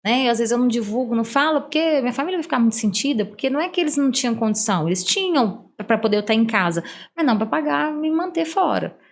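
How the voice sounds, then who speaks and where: Her voice is a little high, expressive, quick, and creaky. This middle-aged Brazilian woman from Minas Gerais, a psychologist guesting on a podcast, shares personal stories in an earnest, heartfelt way, acting out quoted dialogue as she goes.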